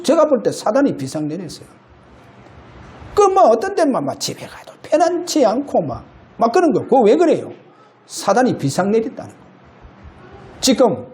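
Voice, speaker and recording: A male pastor preaching an impassioned sermon in a church, shifting between loud and low. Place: church sanctuary.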